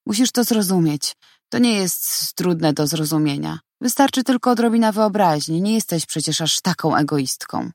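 A woman reading the lines of a cold, detached young man, a lecturer, in a flat, firm and icy way. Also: high voice, normal speed, hardly any pauses, no echo, clean studio sound. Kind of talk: audiobook character reading.

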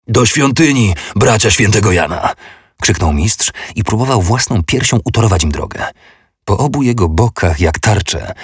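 Deep, husky male narrator for a historical audiobook, steady delivery. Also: no echo, clean studio sound.

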